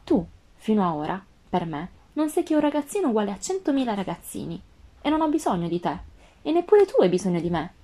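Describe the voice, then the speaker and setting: A woman voicing a gentle, wise female fox with a calm, earnest tone in a storybook reading. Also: mid-range voice, fast.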